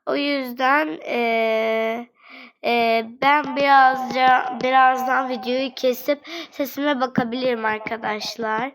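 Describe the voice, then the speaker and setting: A woman's voice: sits high, steady tone, slow pace, fairly bright tone, poor audio. A woman chatting straight to her viewers while playing a game, playful and fretting. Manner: playful, fretting over angry customers. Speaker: gaming channel host. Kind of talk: let's-play gameplay commentary.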